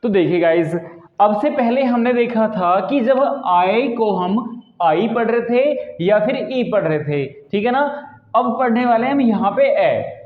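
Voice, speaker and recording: A man's voice: very high-pitched, expressive, measured pace. A man teaching a lesson to camera in a patient manner, often tagging his sentences with a checking "right?". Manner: patient, repeats "ठीक है ना" as a filler tag. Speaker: English teacher. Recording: echoey room, tinny phone-like sound.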